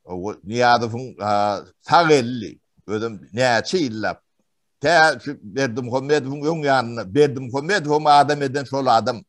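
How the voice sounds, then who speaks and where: A man from Turkmenistan giving testimony in an interview, talking haltingly with many pauses and fillers. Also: medium pitch. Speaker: witness interviewee.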